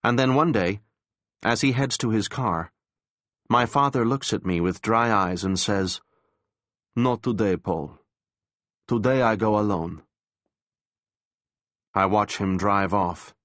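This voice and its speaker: A man narrating an audiobook in a measured, somber manner. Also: lowish voice, a bit bright, no room sound, studio quality. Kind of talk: scripted narration.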